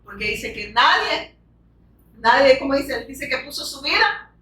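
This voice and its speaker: A woman's voice: sits high, expressive, measured pace, bright, forceful tone. A woman preaching a sermon with fervor, asking the congregation rhetorical questions and calling out amens. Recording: echoey room, distant from the mic.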